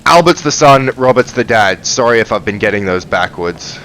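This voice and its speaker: Low-voiced man playing and commentating. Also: lively intonation, normal speed, a bit bright, a little hiss or hum, low-quality recording. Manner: thinking aloud. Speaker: gamer, let's play host. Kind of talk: casual game commentary. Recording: music under the voice.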